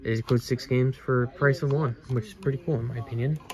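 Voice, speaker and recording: A man's voice: medium pitch, steady tone, quick pace, crowd noise. A man hosting a casual video about retro games he has bought, who rambles, stumbles over his words and restarts sentences, and sounds stuffy from allergies. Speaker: game collecting channel host. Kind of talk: casual haul video, reading game back covers aloud.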